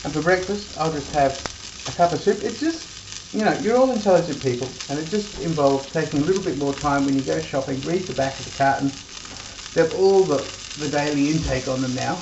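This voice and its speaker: Low-voiced woman chatting while cooking. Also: brisk. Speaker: cooking vlogger. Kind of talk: casual cooking demonstration. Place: home kitchen with sizzling pan. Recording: echoey kitchen with loud frying noise.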